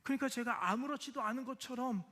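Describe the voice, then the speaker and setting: A man's voice: very high voice, fast talker, pushed and bright. A middle-aged man, a pastor, telling a personal story in a sermon, acting out dialogue and dropping to whispers at tender moments.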